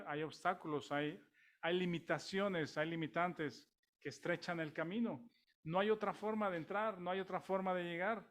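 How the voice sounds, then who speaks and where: A man's voice: fairly high pitch, fairly bright tone. A man with a Mexican accent preaching a sermon in a conversational way, with many restarts and rhetorical questions to the congregation.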